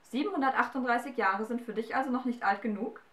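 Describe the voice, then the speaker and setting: Eine Frau spricht ein uraltes, schnippisches Hexenmädchen mit spitzer, sarkastischer Art. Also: female voice, on the high side, animated, normal speed, fairly bright tone, reverberant. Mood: spöttisch. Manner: snappy, sarcastic. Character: defiant half-witch girl, centuries old, sharp-tongued.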